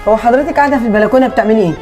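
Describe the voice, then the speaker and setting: A scheming, spiteful mother-in-law, acted by a woman in an Egyptian web drama. She talks in Egyptian Arabic at a racing clip and a high pitch, with a scolding, sharp-tongued manner. Soft music plays behind her. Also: rapid-fire, lightly acted.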